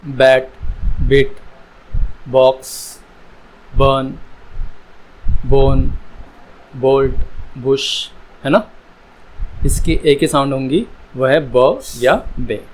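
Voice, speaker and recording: A man teaching an English pronunciation lesson, drawing out each letter sound slowly. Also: mid-range voice, darkish tone, slight background noise, rough recording. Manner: slow, drawn-out sounding of letters. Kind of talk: slow spoken English lesson.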